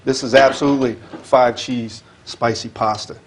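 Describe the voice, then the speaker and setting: Relaxed chef explaining a dish. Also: male voice, medium pitch, normal speed, slight background noise. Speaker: personal chef guest. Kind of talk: cooking demonstration chat.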